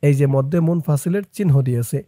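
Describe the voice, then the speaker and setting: A man teaching Quran recitation letter by letter, chanting the verses in long drawn-out tones and explaining pronunciation between them. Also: fairly high pitch, dark tone, no room sound. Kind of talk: slow tajweed lesson with spelled-out letters and recitation.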